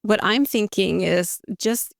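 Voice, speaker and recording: A woman's voice: mid-range voice, slow pace, creaky, no room sound, studio quality. A woman as a guest on a podcast, talking thoughtfully about leadership and often searching for her words. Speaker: podcast guest, HR and culture consultant. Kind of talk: conversational interview.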